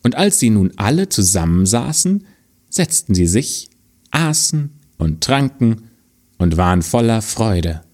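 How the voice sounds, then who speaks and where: A man reading an old fairy tale aloud in a low voice that rises and falls with lively expression. He takes his time, pacing every phrase slowly for the listener. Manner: slow, expressive storytelling. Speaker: storyteller.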